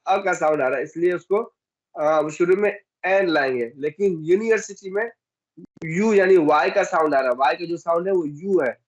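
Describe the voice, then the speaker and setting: High-voiced man teaching English. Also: lo-fi sound. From India. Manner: repeats example words slowly, asks and answers own questions. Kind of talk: classroom lesson.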